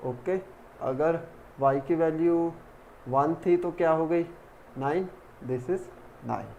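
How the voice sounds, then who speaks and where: Slow-talking male math tutor. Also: on the high side, warm tone, lo-fi sound, slight background noise. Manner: talks while working, counts terms aloud. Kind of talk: step-by-step math lesson.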